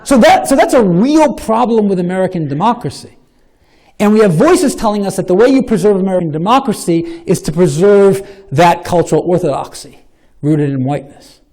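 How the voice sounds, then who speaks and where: Animated Boston-accented male lecturer. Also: sits high, normal speed. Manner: animated, long-winded, self-deprecating. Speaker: lecturer answering audience questions. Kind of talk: live public talk and Q&A. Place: lecture hall with an audience.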